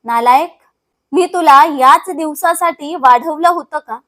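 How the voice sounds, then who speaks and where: An older mother, long mistreated, speaks with pained fury, voiced by a woman narrator. Her tone is high and clear. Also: a little slow, fairly bright tone. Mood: wounded anger. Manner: wounded, angry.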